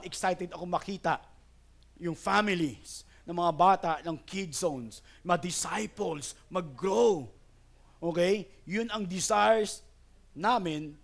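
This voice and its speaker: A middle-aged Filipino man preaching a sermon in animated Taglish, telling a personal story that grows more excited. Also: high-pitched. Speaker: pastor.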